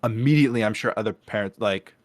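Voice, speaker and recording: A man with a lowish voice co-hosting a podcast, talking loosely and circling back on himself with fillers and restarts. He is recorded close on a dry mic with no room sound. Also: fast, no room sound. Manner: rambling, many restarts and fillers. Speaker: podcast co-host. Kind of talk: casual podcast chat.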